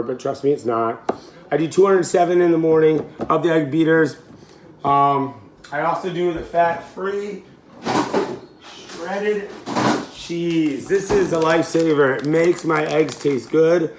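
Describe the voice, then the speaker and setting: A man in his thirties with a raspy, throaty voice, hoarse from a recent illness, chatting casually and off the cuff to camera as a fitness vlogger. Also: fairly high pitch, a little hiss or hum. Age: 30s. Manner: informal, rambling, unscripted. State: hoarse, getting over being sick.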